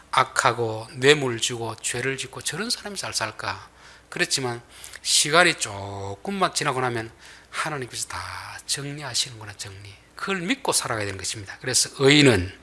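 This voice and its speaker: A pastor with a mid-range voice preaches a dramatic sermon, swinging between loud, emphatic bursts and soft near-whispers.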